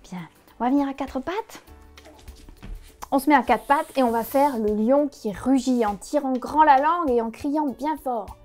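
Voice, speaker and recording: A young woman, a yoga teacher, guiding a children's class with gentle, encouraging, playful instructions. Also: high-pitched, normal speed, faint music behind.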